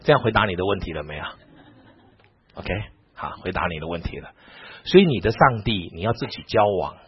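Male preacher telling stories, lively pitch swings, husky tone, dull lo-fi recording. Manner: animated, quick, retells dialogue with lively asides. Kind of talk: storytelling sermon.

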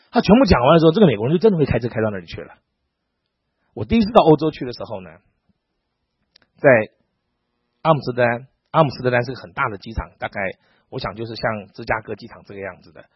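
A man's voice: medium pitch, quick pace, long pauses, breathy edge, no echo. A middle-aged pastor from Taiwan, preaching a sermon and acting out dialogue as he tells stories. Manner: animated storytelling, acting out dialogue. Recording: dull lo-fi sound.

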